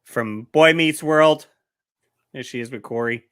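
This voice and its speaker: A man co-hosts a casual podcast chat with a bright, forceful voice. He rambles, laughs often and sometimes loses his train of thought. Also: medium pitch, unhurried, clear, resonant tone. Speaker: podcast co-host.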